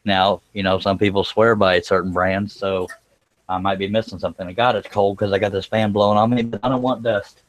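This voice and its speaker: A man with a fairly low voice hosts a live craft stream. He talks casually while he works, in a folksy, joking way. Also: flat delivery, fairly quick, low-quality recording. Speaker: livestream host, scroll saw craftsman.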